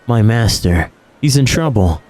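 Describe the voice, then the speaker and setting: A man voicing a gruff, proud male dog who calls himself king of the dogs, growling and grumbling between words in a game. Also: on the low side, lively intonation, a little slow, a little mellow.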